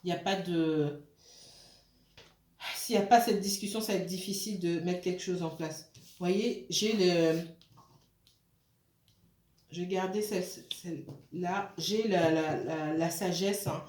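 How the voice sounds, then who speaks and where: A woman's voice: lowish voice, steady tone, a little slow, long pauses, a little mellow. A woman giving a casual tarot reading, hesitant, with many fillers and restarts, and often checking in with her listeners. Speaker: tarot card reader. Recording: roomy echo.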